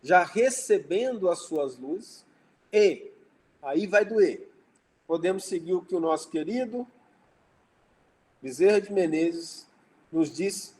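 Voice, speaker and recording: A man's voice: high-pitched, lively intonation, slow, long pauses, a little mellow, breathy edge, poor audio. A man with a Brazilian Portuguese accent gives an informal religious study talk, telling anecdotes and acting out dialogue. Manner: conversational, tells anecdotes and acts out dialogue. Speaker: spiritist lecturer.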